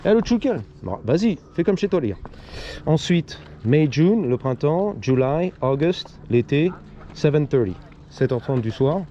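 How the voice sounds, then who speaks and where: A man rides through city streets, cracking jokes in slangy, casual running commentary. His pitch swings widely as he talks. Traffic and engine noise sit clearly behind his helmet mic. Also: big pitch swings, a little slow, warm tone, muffled recording. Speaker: motorcycle vlogger. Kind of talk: casual vlog commentary while riding. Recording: traffic and wind noise outdoors.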